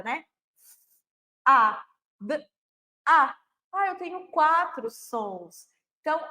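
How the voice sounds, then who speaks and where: Brazilian female educator, high-pitched, patient step-by-step explainer for an online class. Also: bright, forceful tone. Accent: Brazilian Portuguese. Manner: explanatory, asks and answers own questions. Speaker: literacy teacher trainer. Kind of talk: online lesson on phonological awareness.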